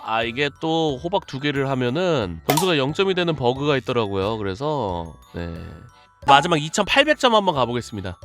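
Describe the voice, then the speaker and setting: A woman's voice: lowish voice, a bit bright. A woman streaming a casual game, giving playful commentary and scolding the game pieces as if they were children.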